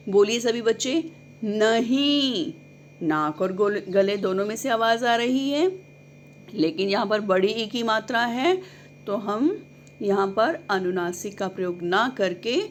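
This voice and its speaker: A woman teaching a children's lesson, reading words slowly syllable by syllable and addressing the children kindly, asking and answering her own questions. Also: mid-range voice, a little hiss or hum. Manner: drawn-out syllable-by-syllable word reading.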